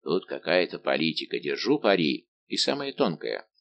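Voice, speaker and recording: A man voicing a big, good-natured, simple-minded old musketeer baron, talking slow and booming. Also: very animated, creaky, highs cut off, full character voice. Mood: hearty.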